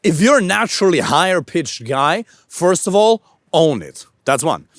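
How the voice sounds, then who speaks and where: A dating coach walks outdoors and talks to camera, teaching men how to use their voices in an emphatic, casual style with the occasional swear word. His voice is fairly high with big pitch swings and a moderate pace, recorded cleanly with no room sound.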